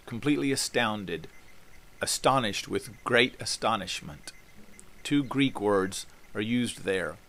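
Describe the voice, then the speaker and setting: Male pastor, middle-aged, low-pitched, emphatic sermon storyteller. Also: rough recording. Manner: storytelling, emphatic, softening to a hush on key phrases.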